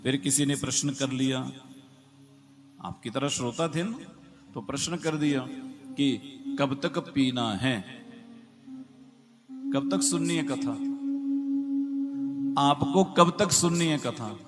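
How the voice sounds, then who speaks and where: A man preaching a devotional sermon over a microphone with a heavy echo effect, quoting scripture and asking the audience questions. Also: medium pitch. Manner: rhetorical, asks the audience questions, slow and emphatic. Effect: heavy echo on the sound system. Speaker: Bhagavat katha preacher. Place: large devotional gathering with an audience. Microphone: microphone through a loudspeaker system. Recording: long echoing reverb with music playing.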